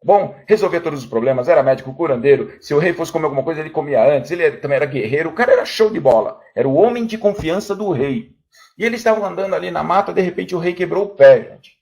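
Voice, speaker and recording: A man's voice: fairly high pitch, lively intonation, quick pace, gravelly, a little mellow. A man giving a company training talk, telling a parable and often calling out to his audience. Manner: storytelling, keeps addressing the crowd as "gente". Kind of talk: motivational talk to a room.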